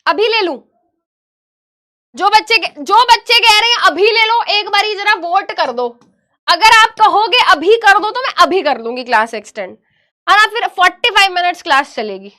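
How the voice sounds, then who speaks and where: A woman's voice: very high voice, expressive, moderate pace, pushed and bright. A woman teaching a live online biology class, chatty and playfully scolding, dropping English words into her speech.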